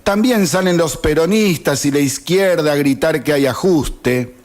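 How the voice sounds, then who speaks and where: A man's voice: fairly high pitch, unhurried, a little mellow. A man in his fifties with an Argentine accent, reading a sarcastic opinion editorial on radio. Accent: Argentine Spanish. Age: 50s. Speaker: radio host. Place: radio studio.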